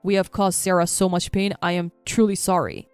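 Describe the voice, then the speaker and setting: A woman's voice: lowish voice, fairly even intonation, normal speed, smooth, no echo, soft background music, voice pushed down, lightly acted. Woman voicing a grave, remorseful father-in-law. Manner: grave, firm.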